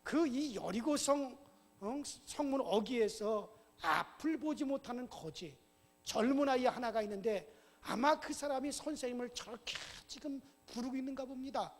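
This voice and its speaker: A polite, eager disciple reports and calls out in a high voice, as a man plays him. A long hall reverb follows his words. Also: normal speed. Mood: urgent. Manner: polite, explaining. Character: respectful male disciple.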